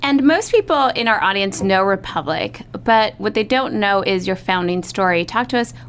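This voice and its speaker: A woman's voice: mid-range voice, expressive, moderate pace, fairly bright tone, slight background noise. A woman hosting an interview podcast, reading an upbeat scripted intro and then chatting with her guest. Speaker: podcast host.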